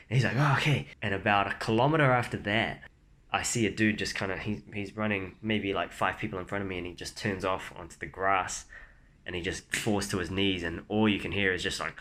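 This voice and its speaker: A man's voice: sits low, pushed and bright. Laid-back young man telling a race story. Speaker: vlogger. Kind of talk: casual storytelling vlog.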